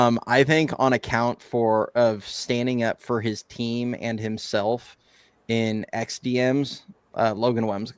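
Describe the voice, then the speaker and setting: A man co-hosting a sports podcast in casual chat, quick with jokes and laughter. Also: lowish voice, no echo. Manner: laughs often, quick joking asides. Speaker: podcast co-host.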